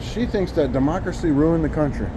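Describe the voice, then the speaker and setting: American guy walking and talking outside, kinda high voice for a man, rambly and casual, lots of car and truck noise. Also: a little fast. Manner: rambling, musing, informal. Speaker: vlogger. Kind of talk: casual walk-and-talk monologue. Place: outdoors on a city sidewalk, walking. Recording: outdoor street with loud traffic noise. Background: passing cars and trucks.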